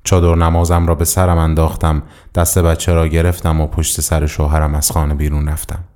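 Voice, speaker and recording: Deep-voiced man reading a somber story. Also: monotone, darkish tone. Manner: measured, somber storytelling in the first person. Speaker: audiobook reader. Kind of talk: scripted literary narration.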